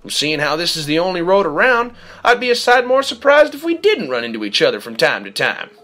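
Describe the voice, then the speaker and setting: A man's voice: a little high, big pitch swings, fairly quick, sharp tone, faint music behind, pitched above the performer's own voice. A man voicing Victor, a folksy, evasive cowboy robot who speaks in a country drawl, in an audiobook.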